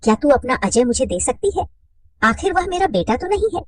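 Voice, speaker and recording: A woman voicing a shy, hesitant middle-aged woman friend with a husky voice. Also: sits high, very animated, a little fast, distant mic, voice pushed up.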